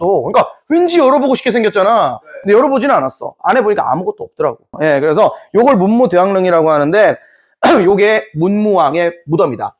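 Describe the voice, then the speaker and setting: A man teaching a history class in a playful, joking way, acting out scenes. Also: high voice. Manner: playful, jokey, acts out scenes. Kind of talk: lively classroom lecture.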